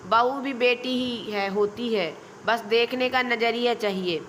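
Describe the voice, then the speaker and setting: A woman's voice: on the high side, unhurried, slight background noise, lightly acted. A woman voicing a blunt, bossy older aunt in a storybook reading, firm and outspoken. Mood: lecturing.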